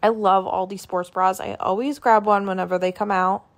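A woman's voice: medium pitch, fairly even intonation, moderate pace. A woman vlogging a casual walk through a grocery store, chatting about products and prices as she films on her phone. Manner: chatty, listing items and prices. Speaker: shopping vlogger.

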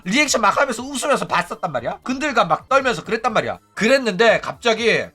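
A man hosting a casual commentary stream, animated and acting out quoted people in raised voices. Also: sits high, quick pace, husky, faint music behind. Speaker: streamer host.

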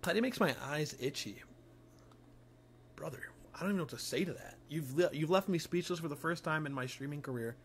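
A man's voice: a little high, a little fast, a little hiss or hum. A young man chatting casually as a game streamer in a crude, slangy frat-bro manner with lots of swearing. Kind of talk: casual livestream gameplay chat.

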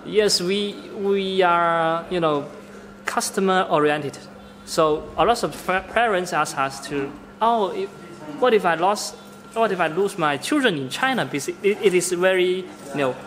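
A man's voice: sits high, expressive, a little slow, a bit bright. A young man, an R&D engineer, answering questions in an open-plan office, hesitant and repeating words as he searches for them. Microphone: camera held close.

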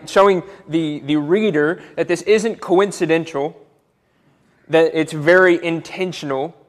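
Slow, earnest man preaching. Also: on the high side. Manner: earnest, repeats words as he builds points. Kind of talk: sermon. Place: church auditorium, speaking from a pulpit. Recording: church hall with long reverb.

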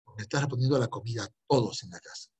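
A man's voice: mid-range voice, fast, darkish tone, slightly rough. A middle-aged man, teaching an online history class and teasing and scolding his students with jokes.

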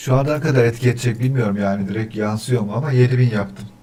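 A streamer talks casually on a livestream, testing his mic by counting off the weekdays, reading the chat, and grumbling about technical problems, easily annoyed by the echo. His mid-range voice is mellow and rapid-fire, with a little hiss or hum in the audio.

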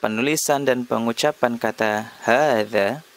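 A man teaching an Arabic lesson, repeating each word slowly and spelling out the letters. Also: mid-range voice. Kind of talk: slow, deliberate lesson narration.

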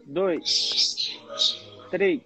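Trainer counting reps over music. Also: male voice, fairly high pitch, lively intonation, very slow. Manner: encouraging, calling out counts. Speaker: personal trainer.

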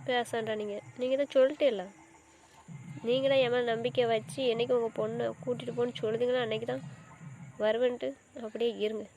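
A woman's voice: on the high side, level tone, brisk, darkish tone, a little hiss or hum, close to an everyday voice. A woman playing a hurt, defiant young wife. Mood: angry. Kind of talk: amateur web drama acting.

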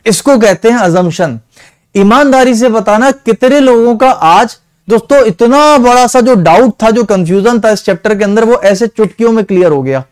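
A man's voice: high voice, darkish tone. A man teaching an online exam-prep reasoning lesson, coaxing his students and asking them again and again to answer honestly.

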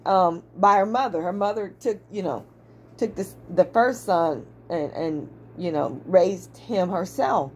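A woman telling a personal story in a chatty, animated way, often repeating and restarting her words. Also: medium pitch, slight background noise. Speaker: vlogger. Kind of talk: casual storytelling to camera.

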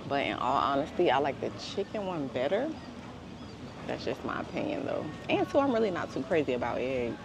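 A woman's voice: very deep voice, big pitch swings, fairly quick, vocal fry, over music. A young woman talking casually to viewers as a travel vlogger. She talks straight to her audience and fills her speech with "like" and "literally". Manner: chatty, addresses viewers directly, many "like"s and "literally"s. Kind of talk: casual vlog talk to camera.

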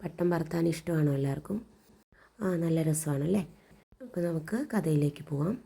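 A woman's voice: sits low, moderate pace, gravelly, warm tone, husky. A woman teacher reading a story to children and explaining it, asking questions and answering them herself. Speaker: primary school teacher.

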